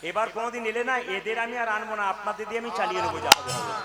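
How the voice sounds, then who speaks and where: High-voiced kirtan leader. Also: male voice, steady tone, racing. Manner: coaxing the crowd to chant louder, playful asides. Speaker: kirtan singer leading a devotional gathering. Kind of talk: devotional kirtan preaching and call-and-response chanting. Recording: live music with tabla behind.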